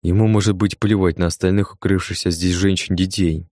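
A man narrating a first-person audiobook in a calm, even manner. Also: deep voice, fairly quick, no echo, clean studio sound.

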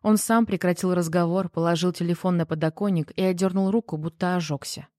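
Woman narrating an audiobook quietly. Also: lowish voice, fairly even intonation, a little fast, no room sound, clean studio sound.

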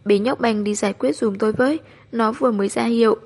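A woman reading the lines of a cheerful young boy in a quick, friendly way. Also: fairly high pitch, darkish tone, husky.

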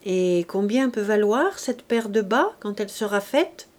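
A woman voicing a gentle male stranger in an audiobook, soft and polite. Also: mid-range voice, animated, unhurried, natural voice. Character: poor stranger, a man with a gentle voice.

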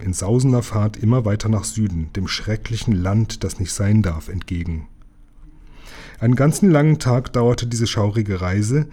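Low, husky man reading a children's book. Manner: calm, measured storytelling. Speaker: reader.

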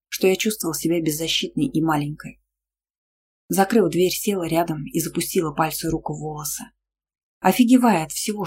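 A woman's voice: on the low side, a little mellow, slight background noise. Female audiobook narrator, first-person, emphatic delivery.

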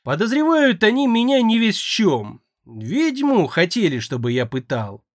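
A man's voice: wildly swooping pitch, unhurried, dry recording, clean studio sound, exaggerated voice. A man voicing a young male air mage who is frightened, tearful and pleading, in an audiobook. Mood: fearful pleading. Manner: pleading, shrill and anxious.

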